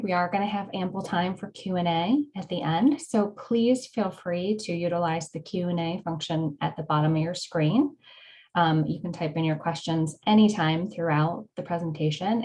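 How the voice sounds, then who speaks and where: A woman's voice: lowish voice, fairly even intonation, normal speed, a little mellow, low-quality recording. A woman opening a webinar as host, upbeat and friendly, with frequent ums. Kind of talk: scripted webinar introduction.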